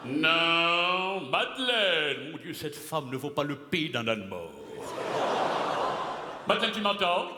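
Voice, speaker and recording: A man doing a pompous booming playwright. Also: big pitch swings, slow pace. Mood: exasperated. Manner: booming theatrical declamation, swings from shrill to low mutter. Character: pompous loud-voiced male playwright, theatrical and boastful. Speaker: stage comedian. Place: live stage in a theater hall. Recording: echoey hall, loud crowd and noise.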